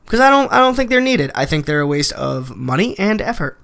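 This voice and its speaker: A man's voice: high voice, very animated, a little fast, creaky, a bit bright. A young man co-hosting a casual podcast chat, argumentative and swearing freely. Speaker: podcast co-host.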